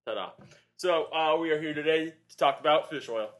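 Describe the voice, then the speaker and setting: Brisk and fairly bright, the fairly high voice belongs to a young man who co-hosts a fitness podcast and instructs Pilates. He spins out a meandering tale full of filler words during a relaxed chat.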